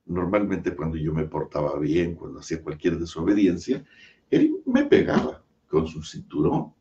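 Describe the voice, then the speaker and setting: A man preaching a sermon as a pastor, telling a personal story slowly and earnestly, with dramatic pauses. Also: sits low, big pitch swings, dark tone, far from the mic, dull audio.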